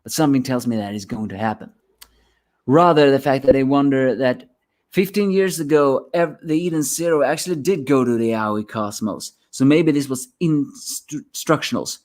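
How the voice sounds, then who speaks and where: A man's voice: medium pitch, moderate pace, darkish tone. A man giving a rambling solo review of a manga chapter, sleepy and yawning, often restarting his words.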